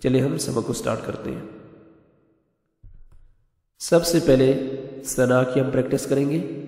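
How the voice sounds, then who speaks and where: A man teaching how to recite a prayer. He rushes through his explanations, then slows to chant each phrase. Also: mid-range voice, warm tone, roomy sound, long reverb tail. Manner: quick explanations between slow chanted recitations. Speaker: religious teacher.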